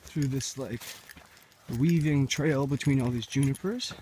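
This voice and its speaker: A young man with a mid-range, dark-toned voice narrates a casual hiking vlog to a handheld camera, taking his time and sounding easygoing and chatty. Outdoors on forest trails and at a campsite, he shows the viewer things as he goes. There's slight background noise.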